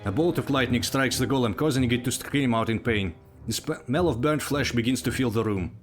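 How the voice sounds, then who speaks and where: A man's voice: mid-range voice, fairly quick, faint music behind. A man reading out and narrating a text adventure game, casual, with asides.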